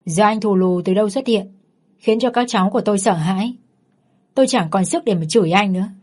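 Woman doing a tired old grandma, reproachful, bit husky. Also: mid-range voice, a little fast, a little mellow, natural voice. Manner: weary, reproachful. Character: stern grieving elderly grandmother.

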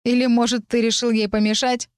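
Female reader doing a jealous, hot-headed young male mage, heated and sharp, dry close sound. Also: on the high side, level tone, a little fast, no echo, pitched above the performer's own voice, natural voice. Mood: angry, sneering. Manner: snapping, heated, raised tone.

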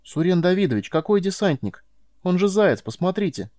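A man reading an audiobook voices a frightened, defiant teenage boy who shouts in panic. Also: high-pitched, sing-song, moderate pace, no room sound, clean studio sound, voice pushed up. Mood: bewildered.

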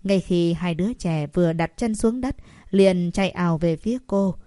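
A woman reading a romance story aloud as a narrator, shifting her pitch slightly for the characters' lines. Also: moderate pace, mellow, dry recording, clean studio sound. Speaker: audiobook narrator.

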